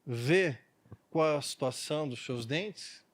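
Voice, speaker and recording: A man voicing an experienced dentist who gives calm, firm orders. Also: a little high, slow pace.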